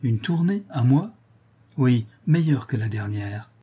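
A man's voice: medium pitch, animated, takes it slowly, warm tone, husky, full character voice. A man voicing a drunk, brutal young male bandit who snarls threats, reading a novel aloud. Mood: menacing.

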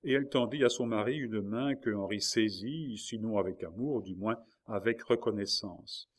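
A man reads a novel aloud in a measured, dramatic style. His voice sits fairly low and steady through the long narrated passages. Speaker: audiobook reader.

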